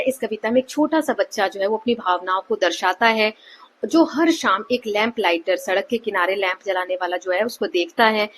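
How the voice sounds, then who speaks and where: Breathy Indian woman teaching a lesson. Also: a little high. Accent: Indian English. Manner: explains slowly line by line, checks in with "है ना". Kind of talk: explaining a textbook lesson.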